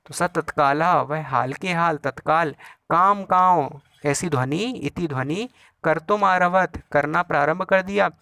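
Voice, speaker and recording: Male teacher, explanatory, repeats and glosses each word, somewhat high-pitched. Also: unhurried, pushed and bright, dry recording. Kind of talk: Sanskrit lesson, translating a story line by line.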